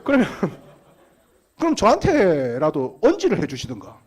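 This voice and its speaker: A man's voice: high voice, huge pitch swings, moderate pace, darkish tone, some chatter behind. A male pastor giving a seminar to parents, telling stories animatedly and acting out the voices he quotes. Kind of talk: sermon-style seminar for parents.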